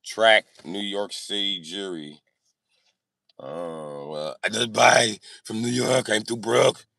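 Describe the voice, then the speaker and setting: This man hosts a livestream, reading comments and replying in casual, profane talk that's brash, jokey and slangy. His voice is on the low side, slow, with vocal fry and a bright, forceful tone. There's no echo.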